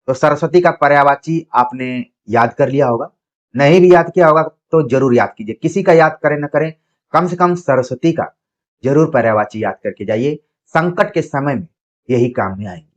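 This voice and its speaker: A man coaching students for a Hindi exam. He reads each question and its options slowly, then explains the answer patiently and speaks to the students directly. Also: medium pitch, muffled recording. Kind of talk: exam practice lecture.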